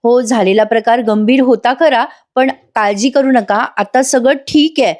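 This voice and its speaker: A woman's voice: on the high side, moderate pace, darkish tone, close to an everyday voice. A woman voicing a tired older man reassuring his family. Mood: calming. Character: tired calm male elder.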